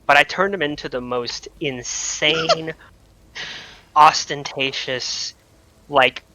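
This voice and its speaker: A man narrating as game master, relaxed and full of pauses. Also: on the high side, a little hiss or hum, poor audio. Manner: relaxed, hesitant with many ums.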